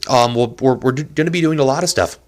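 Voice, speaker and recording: A young podcast host rambles through a casual solo episode from his small apartment, often putting himself down. His nose is stuffed up from allergies, and he talks quickly at a medium pitch.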